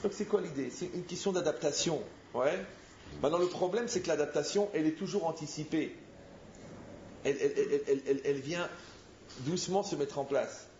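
A man, a rabbi, giving a lively spoken teaching, telling stories and acting out the dialogues in a direct, teasing way. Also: a little high, fairly quick, a little hiss or hum. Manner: animated storyteller, acts out dialogues, direct and teasing. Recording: echoey muffled room recording.

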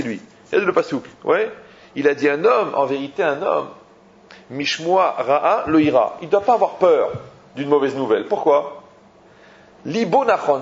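Animated rabbi, higher voice, dull recording. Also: male voice. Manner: animated, rhetorical questions, repeats himself. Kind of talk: Torah lesson.

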